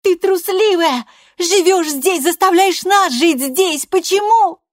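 A woman voicing a furious, defiant teenage girl who shouts bitter accusations. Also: mid-range voice, level tone, normal speed, no room sound, clean studio sound, pitched above the performer's own voice, lightly acted.

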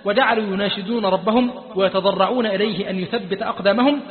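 Egyptian preacher guy telling it dramatic, big hall reverb, high voice. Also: steady tone, fast. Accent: Egyptian Arabic. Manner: dramatic retelling, mixing classical quotes with colloquial asides. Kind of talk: storytelling sermon. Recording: tinny phone-like sound in a long echoing hall.

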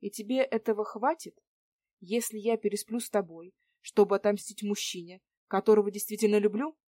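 A woman voicing a calm, idealistic young woman who answers in a cool, matter-of-fact way. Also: mid-range voice, brisk, dry recording, studio quality, lightly acted. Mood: cool, firm.

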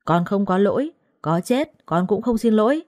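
A woman's voice: medium pitch, expressive, moderate pace, darkish tone, dry recording, studio quality, lightly acted. A woman voicing a stubborn, defiant young servant girl who talks back to her masters. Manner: defiant, mocking.

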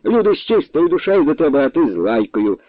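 A man's voice: on the high side, sing-song, a little fast, no echo, pitched above the performer's own voice. A man voicing a forthright young village woman. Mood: brisk. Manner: direct, homely, plain-spoken. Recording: dry, tinny phone-like sound.

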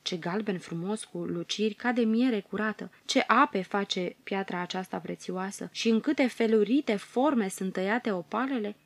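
A woman reading a fairy tale aloud as an audiobook narrator, in a measured, gently expressive way. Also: mid-range voice, dry recording. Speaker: audiobook reader. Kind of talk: scripted storybook narration.

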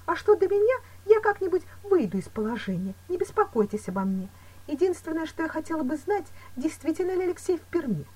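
A woman reading an audiobook voices an anxious young woman in love, with a slightly husky voice and raised, breathless exclamations. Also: very high voice, very animated, a little fast, mellow, voice pushed up, low-quality recording. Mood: determined. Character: anxious young woman, lover pleading and frightened.

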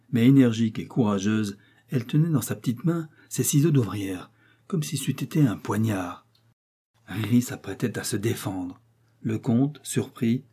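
A man reading a classic adventure novel aloud as an audiobook, in a measured, theatrical storytelling manner. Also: lowish voice, dark tone, slightly rough. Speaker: audiobook narrator.

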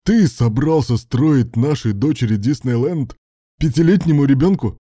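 A man voicing a hot-tempered, protective husband who yells in hysterical, indignant outbursts. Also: lowish voice, sing-song, measured pace, no room sound, clean studio sound. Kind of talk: audiobook character voice.

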